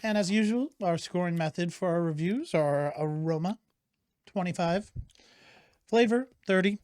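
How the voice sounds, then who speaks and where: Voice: medium pitch, moderate pace, a little mellow, smooth, dry recording, clean studio sound. A co-host on a casual whiskey tasting show, easygoing and playful while giving scores.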